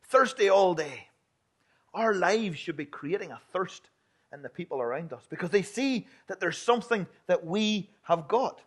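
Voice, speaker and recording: High-pitched Northern Irish man preaching. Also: animated, moderate pace, slightly rough. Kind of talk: sermon.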